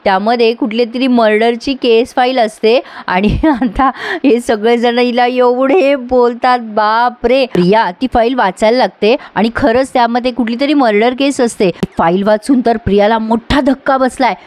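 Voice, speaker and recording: A woman recapping a TV serial episode in casual, lively storytelling, talking straight to her viewers. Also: fairly high pitch, normal speed, hardly any pauses, no echo. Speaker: TV serial reviewer.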